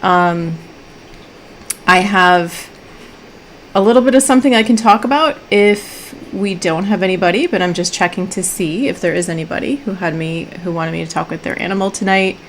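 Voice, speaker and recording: Woman host with a stuffy nose and a lowish voice, chatty and relaxed, greeting live viewers. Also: moderate pace, a little hiss or hum. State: stuffy from allergy. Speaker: host of an animal communication live stream. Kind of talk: casual live-stream chat.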